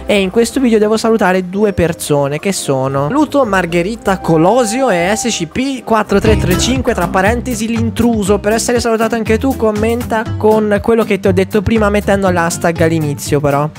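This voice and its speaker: A man hosting a casual Minecraft horror let's-play, excitable and jokey, with loud alarms and low mock-dramatic asides. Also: moderate pace, hardly any pauses. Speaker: gaming YouTuber. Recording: music playing behind.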